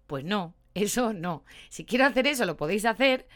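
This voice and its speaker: A woman's voice: medium pitch, moderate pace. Chatty woman host, dog trainer explaining things casually. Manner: chatty, animated, calls herself talkative. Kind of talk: casual podcast talk.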